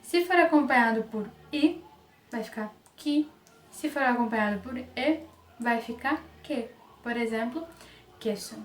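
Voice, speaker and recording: A woman's voice: fairly high pitch, slight background noise. A Brazilian woman with a Brazilian Portuguese accent teaching a Spanish pronunciation lesson, patiently repeating example words. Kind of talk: online language lesson. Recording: echoey room, distant mic.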